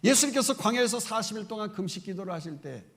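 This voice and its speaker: A male pastor preaching an expository sermon, driving his points home with emphatic rhetorical questions. His fairly high voice has a gravelly texture. The sound carries the long reverb of a church sanctuary. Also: animated, fast talker, a bit bright.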